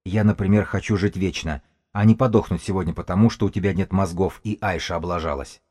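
A man voicing a small, wiry, sharp-minded male runner who argues insistently and cuttingly. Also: low-pitched, steady tone, a little fast. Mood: angry.

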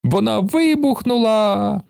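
Guy putting on a bouncy high carefree little braggart from a storybook, lively swings, dry close sound. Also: moderate pace, dry recording, full character voice. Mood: delighted. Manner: cheerful, brushes off trouble. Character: boastful carefree plump little man.

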